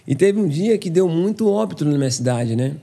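A man's voice: on the high side, brisk, vocal fry. A man, a podcast guest telling stories casually and acting out the dialogue. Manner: animated, acts out quoted dialogue. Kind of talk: casual storytelling.

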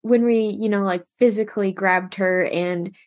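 A woman's voice: medium pitch, steady tone, moderate pace, no room sound. A woman co-hosting a podcast, casually recapping an episode in a chatty way. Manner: chatty, laughs while explaining. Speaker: podcast co-host.

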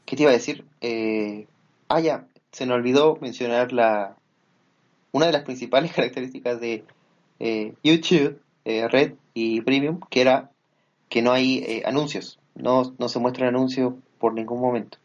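A man's voice: medium pitch, dull audio. A man in a casual chat, talking hesitantly with many fillers as he explains things.

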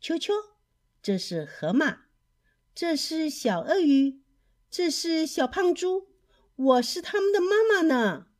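A woman's voice: high voice, sing-song, takes it slowly, long pauses, a little mellow, voice pushed up, full character voice. A woman doing a kind motherly storybook bear. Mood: tender.

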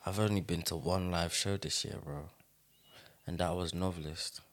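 A man's voice: sits low, steady tone, moderate pace. A young man with a London roadman accent, chatting casually and peppering his talk with slangy forms of address.

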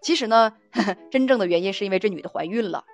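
A woman's voice: medium pitch, animated, quick pace. A woman hosting a relationship advice show, telling a listener's story with scorn and indignation and laughing along the way. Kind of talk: storytelling commentary. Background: faint music.

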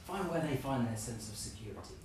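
A man preaching a lively sermon, acting out scenes with playful voices. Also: medium pitch, quick pace, background noise. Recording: echoey room, from a distance.

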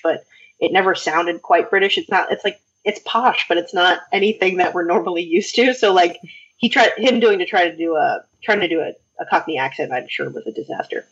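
Casting: husky-voiced woman, podcast co-host, lively and laughing, slightly muffled lo-fi audio. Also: on the low side. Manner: laughs easily, animated, swears casually. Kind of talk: casual chat. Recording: dull lo-fi sound.

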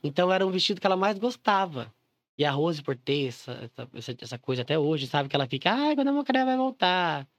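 Brief: male podcast guest, animated gossipy storyteller, dry close studio sound. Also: on the high side, quick pace, dry recording. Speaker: podcast guest, drag singer. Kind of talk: casual chat.

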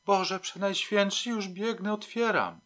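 A man's voice: mid-range voice, sing-song, a little slow, sharp tone, heavily acted. A man voicing a proud, frightened older woman in an audiobook. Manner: pleading, then bitter and dignified.

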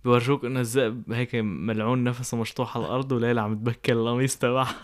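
A young man with a Syrian Arabic accent, chatting casually as a podcast co-host. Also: medium pitch. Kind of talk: casual chat.

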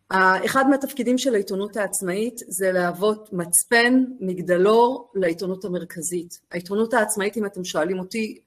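A woman speaking as a journalist on a panel discussion, assertive, with some fillers. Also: mid-range voice.

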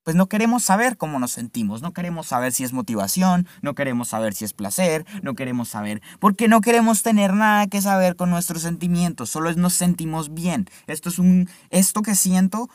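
A man's voice: sits high, lively intonation, fairly quick, few pauses, a little mellow, no room sound, studio quality. Swearing young guy musing aloud. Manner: swears freely, keeps asking "no?" of the listener. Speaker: vlogger. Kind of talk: casual reflective monologue.

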